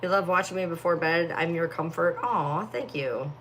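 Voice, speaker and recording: A sleepy young woman yawns her way through a casual phone livestream, reading comments aloud. Her distinctive voice sits on the low side and is a bit bright, moving at normal speed against a faint hiss or hum. She rambles, with plenty of filler words.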